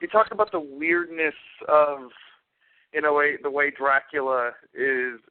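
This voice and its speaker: A man's voice: a little high, steady tone, unhurried, no echo. A man co-hosting a casual film review podcast, speaking hesitantly with many fillers and restarts. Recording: phone-like remote call line.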